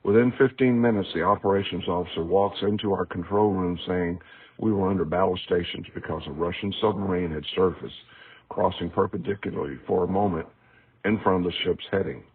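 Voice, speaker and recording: A man reads an excerpt from his own book in scripted audiobook style, his voice low, husky, and brisk. The sound is tinny and narrow, like a phone line.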